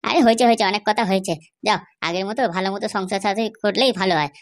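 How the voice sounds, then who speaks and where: Quick-talking woman voicing a cartoon. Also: mid-range voice, steady tone. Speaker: cartoon voice actor. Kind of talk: cartoon comedy acting.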